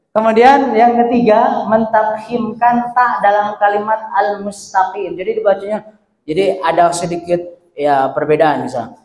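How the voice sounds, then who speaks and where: A man teaches a recitation lesson at an unhurried, deliberate pace. He sounds out each syllable again and again so listeners can copy it. His voice carries a roomy echo from the hall. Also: sits high, darkish tone. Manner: demonstrates sounds slowly, repeats syllables. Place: hall at a hospital study gathering.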